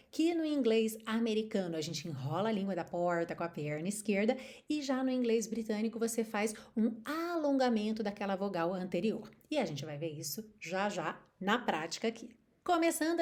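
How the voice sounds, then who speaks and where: A lively Brazilian woman in her thirties leads an online English lesson in a slightly high voice. She explains with an expressive, animated manner and breaks into sung lines to demonstrate pronunciation. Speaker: English teacher.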